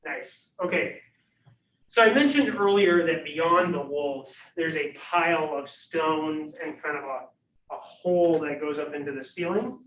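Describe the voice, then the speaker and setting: A man's voice: on the high side, unhurried, fairly bright tone. Man game master, roomy distant sound. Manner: hesitant, with many fillers. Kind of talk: narrating a tabletop game. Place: room at a livestreamed faculty game. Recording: roomy, distant, dull recording.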